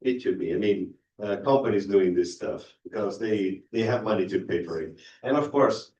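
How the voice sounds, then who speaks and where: A man acting as judge who gives friendly, hesitant feedback on a pitch, stopping and restarting often. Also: moderate pace, darkish tone, muffled recording. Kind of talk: spoken feedback. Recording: echoey room, distant mic.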